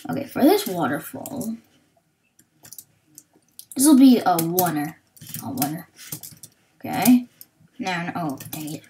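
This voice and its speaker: A woman hosting a gaming video, talking slowly and hesitantly through what she is doing, with many fillers. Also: on the low side, very animated, mellow, a little hiss or hum. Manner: hesitant, thinking aloud with fillers. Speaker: gaming channel host. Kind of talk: Let's Play commentary.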